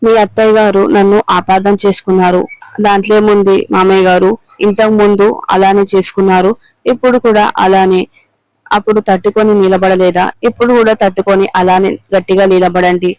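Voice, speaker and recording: A man reading the lines of a kind young daughter-in-law gently reassuring her father-in-law, in a clear voice. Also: high-pitched, little pitch movement, a little fast, dry recording, natural voice, rough recording. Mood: consoling.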